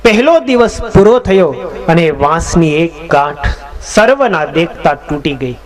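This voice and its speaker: High-voiced man telling a scripture story. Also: lively intonation, measured pace. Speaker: religious storyteller, swami.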